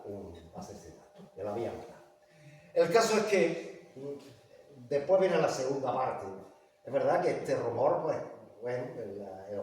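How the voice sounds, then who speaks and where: A man's voice: mid-range voice, a little mellow, slight background noise. A man with an Andalusian Spanish accent giving a public talk about local history and legends, in a conversational manner that often asks the audience questions. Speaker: lecturer. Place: large echoey palace hall. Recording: echoey hall from far off.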